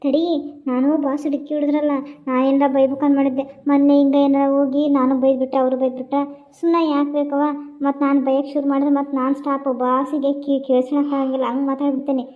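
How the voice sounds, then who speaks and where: A woman voicing Radha, a chatty young office worker who talks too much, with a North Karnataka accent and rapid gossipy chatter. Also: sits high, completely flat delivery, phone-quality sound, lightly acted. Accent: North Karnataka Kannada.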